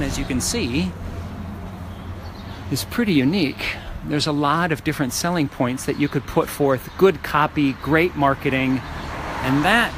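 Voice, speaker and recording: A man working as a real estate agent, chatting casually and with enthusiasm to live viewers as he walks through a house tour. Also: a little high. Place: walking through a large house and its outdoor areas. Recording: noisy live phone video, ambient traffic noise.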